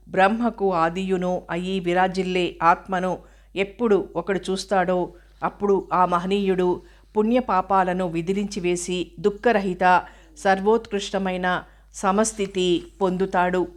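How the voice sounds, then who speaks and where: A woman reading a scripted spiritual commentary on a scripture in a measured, explanatory way, now and then asking and answering a question. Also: medium pitch, fairly even intonation.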